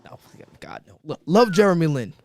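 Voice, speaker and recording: A man's voice: fairly high pitch, sing-song, a little fast, darkish tone. A man hosting a casual sports podcast, talking loosely with friends and rambling through his sign-off with plenty of ums and uhs. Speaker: podcast host.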